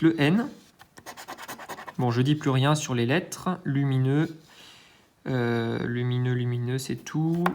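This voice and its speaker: A man's voice: medium pitch, a little hiss or hum. Man, mid-range voice, hesitant think-aloud commentary, casual, self-deprecating asides. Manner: hesitant, thinking aloud, frequent filler sounds. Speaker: scratch-card channel host. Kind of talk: casual commentary while scratching tickets.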